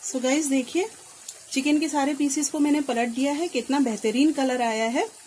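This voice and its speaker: Her voice sits high and a little mellow as she moves at a moderate pace through a recipe on her cooking channel, explaining each step and dropping in English words. Frying sizzle and stirring are clearly audible.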